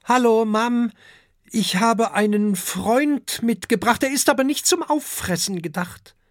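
A man voicing a gentle young male dragon who speaks politely and a little hesitantly, in a children's audiobook. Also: very high-pitched, measured pace, no room sound, studio quality, voice pushed up. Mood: polite earnest.

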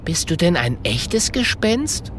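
A woman voicing a curious young female porcupine, speaking softly and in a hushed way. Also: fairly low pitch, big pitch swings, takes it slowly, a little hiss or hum, voice pushed up. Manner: soft, hushed.

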